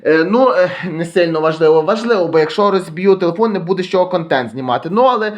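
Young western guy, quick and fairly high-voiced, casually reading out comments. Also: expressive, highs cut off. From western Ukraine. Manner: reads viewer comments aloud, chatty, self-deprecating. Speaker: YouTube vlogger.

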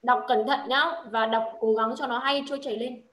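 A woman's voice: a little high, fairly even intonation, fairly quick, a bit bright, roomy sound, poor audio. A woman with a Vietnamese accent tutoring a child in English reading, patiently correcting and modeling sentences. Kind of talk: one-on-one English reading lesson.

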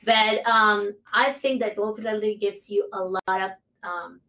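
A woman's voice: mid-range voice, steady tone, normal speed, bright, forceful tone, recorded from a distance, low-quality recording. A woman presenting her research on a panel, hesitant and full of fillers. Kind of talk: panel discussion.

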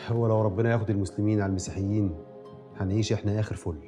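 An actor playing a world-weary, calculating senior security official with an Egyptian accent, in a TV drama. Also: male voice, lowish voice, fairly even intonation, racing, dark tone, faint music behind, natural voice. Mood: weary scheming. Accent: Egyptian Arabic. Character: weary scheming senior security chief, man. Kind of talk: TV drama acting.

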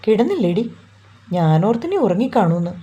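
A woman's voice: mid-range voice, big pitch swings, moderate pace, dark tone, highs cut off, lightly acted. Woman reading a teasing, bossy young fiancé. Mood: tender. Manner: teasing, coaxing, commanding.

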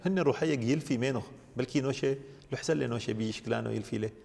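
A priest speaks quickly, laying out religious teaching in long, steady explanations. His voice has a gravelly, creaky edge. A long reverb trails behind him in the room. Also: medium pitch. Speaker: priest guest.

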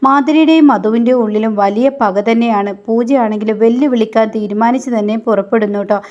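Woman, casual serial recap, chatty tag words, fairly high voice, dull lo-fi recording. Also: brisk, darkish tone. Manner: chatty, frequent tag words and small restarts.

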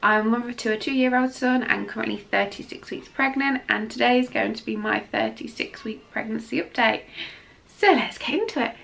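A woman's voice: a little high, normal speed, gravelly, fairly bright tone. Tired, emotional woman vlogging. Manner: rambling, emotional, frequent ums and self-restarts. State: exhausted and tearful. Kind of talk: casual pregnancy update vlog.

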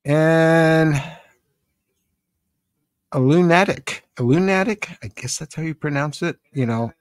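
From a cluttered little home studio, a San Francisco man in his seventies rambles through a casual live-stream chat, haltingly answering viewer comments. His voice is a little high and dry, with no room sound, picked up close by a boom-arm studio mic while he wears headphones.

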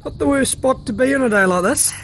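High-voiced young man vlogging outdoors. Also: quick pace, a little hiss or hum. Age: young adult. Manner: deadpan joking, playful. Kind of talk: casual walking vlog. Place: outdoors on a hill walk in a park. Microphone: phone at arm's length.

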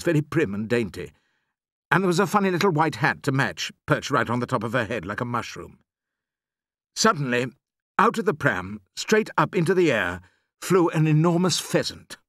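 A man narrating a children's novel in the first person, with expressive storytelling. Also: medium pitch, moderate pace, no echo, studio quality. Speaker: audiobook reader.

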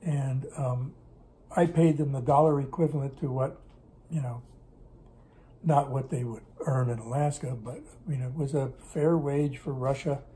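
This low-quality recording captures an older man's mellow, mid-range voice, steady in tone and at a normal speed. He is being interviewed casually at home at his kitchen table, recalling his business dealings in Russia in a rambling way and often correcting himself. The camera capturing him sits on the table in front.

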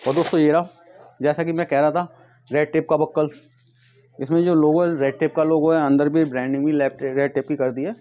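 A brisk, warm-toned shoe seller and vlogger with a higher voice and little pitch movement makes a casual product pitch to camera, treating viewers as friends and using repetitive filler phrases. His clip-on lapel mic, in a tiled room at home full of stock boxes, has cut-off highs, noticeable background noise and clicks.

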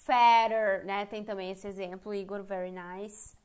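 A woman's voice: medium pitch, steady tone, unhurried, a little mellow, clear, resonant tone. A Brazilian woman teaching English in a live online lesson, speaking candidly and chattily, often breaking off and restarting her sentences. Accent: Brazilian Portuguese. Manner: candid, chatty, self-interrupting. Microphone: computer mic on a live stream.

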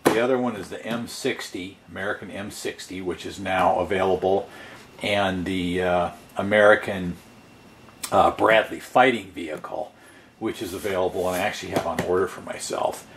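Low-voiced man in an echoey room. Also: moderate pace. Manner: relaxed, rambling, frequent fillers. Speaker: hobby channel host. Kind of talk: casual unboxing talk. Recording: echoey room with background noise.

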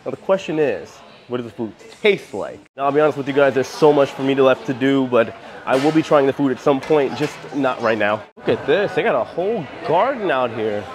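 An American man in his thirties, a travel vlogger, gives a casual walking tour of a cruise ship's decks and indoor spaces, talking into a handheld camera held at arm's length. His medium-pitched voice is animated and runs a little fast.

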